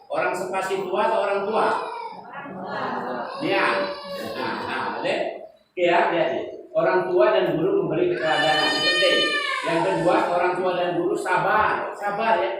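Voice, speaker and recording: A man's voice: high-pitched, wildly swooping pitch, normal speed, pauses often. Joking man with a Palembang accent. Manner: joking, quizzes the audience. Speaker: guest speaker. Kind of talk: seminar talk to parents. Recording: very echoey hall, far from the mic, noisy.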